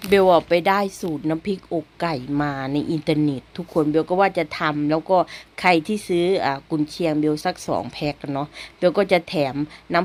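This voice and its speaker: A woman with an Isan Thai accent, a stay-at-home mother narrating her vlog as a casual voice-over, chatty and quick to laugh, often speaking straight to the viewers. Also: fairly low pitch. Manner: chatty, keeps addressing viewers directly; laughs easily between remarks.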